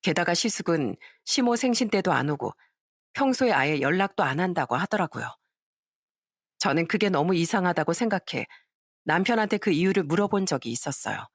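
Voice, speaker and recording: A woman's voice: on the low side, expressive, brisk, husky, no echo, clean studio sound. Woman narrating a family story.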